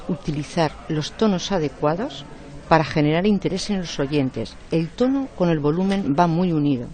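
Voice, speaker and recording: A woman teaches an online class. Her voice is strong and forceful. She explains each point patiently and checks in with short tag questions along the way. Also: sits low, slight background noise. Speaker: lecturer. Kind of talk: online lecture.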